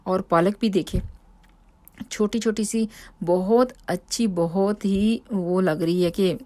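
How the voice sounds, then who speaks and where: A woman's voice: mid-range voice, fairly even intonation, slow, dark tone. A woman, chatting through a home vlog voice-over with many fillers and restarts. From Pakistan. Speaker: home vlogger. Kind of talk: casual voice-over narration.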